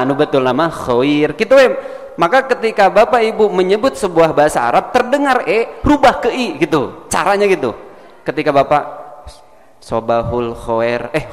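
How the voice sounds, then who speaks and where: A man with a Sundanese accent gives a relaxed teaching talk to a congregation and keeps turning to his listeners as he explains. His voice sits a little high for a man. It rings out with a long reverb, as in a large hall. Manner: didactic, chatty, addresses the congregation as Pak and Bu, demonstrates pronunciation. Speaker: preacher. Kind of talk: mosque lecture mixing Indonesian and Sundanese.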